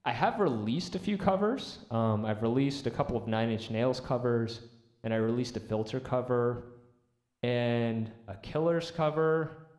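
Speaking in a mid-range, darkish voice with plenty of reverb, a man chats with his live-stream audience between music, replying to comments in a relaxed, meandering manner. Instruments fill the room, which is arranged for live performance.

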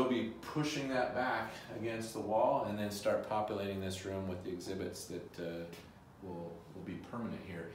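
A middle-aged man giving a casual guided tour of a museum's restored rooms, often pausing with fillers as he walks and explains. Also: fairly low pitch, darkish tone, far from the mic, slight background noise. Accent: Pacific Northwest American. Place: large empty house museum rooms with bare walls, indoors. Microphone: handheld phone camera following him, often several steps away. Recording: roomy echo, speaker off mic.

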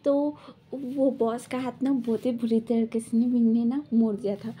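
A woman's voice: a little high, level tone, moderate pace, warm tone. A woman retelling a story in casual chat, chatty and full of filler words.

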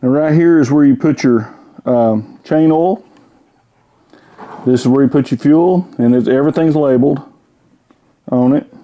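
A man's voice: mid-range voice, measured pace, pauses often, highs cut off. A man, casually reviewing a chainsaw in his home garage, talking in a folksy, rambling way with fillers. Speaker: tool reviewer. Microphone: camera-mounted mic.

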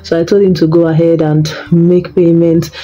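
A young woman from Nigeria, chatting casually in a vlog about renting her first flat. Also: on the low side, normal speed, highs cut off. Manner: chatty, conversational storytelling. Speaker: vlogger.

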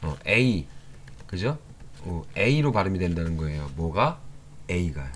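A man teaches English grammar to his online learners, reading each example sentence aloud and then explaining it. His pitch moves up and down a lot, and he keeps asking whether they follow. Keyboard typing can be heard behind him. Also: slow, a little hiss or hum. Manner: lively, with many rising questions to the learners.

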